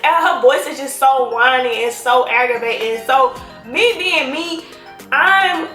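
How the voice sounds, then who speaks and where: A woman's voice: sits high, unhurried, pushed and bright, roomy sound, soft background music. A woman telling a personal story in a casual, sarcastic, slangy way.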